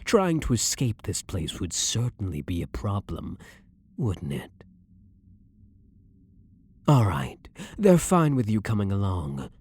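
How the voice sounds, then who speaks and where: For an ASMR roleplay, a man plays a blunt, brooding vampire hunter in a dramatic monologue, his very low, husky voice moving in slow, measured phrases with expressive, wildly swooping pitch. Speaking softly to the listener, he sounds controlled and dominant, and the exaggerated delivery turns from quietly menacing to reassuring.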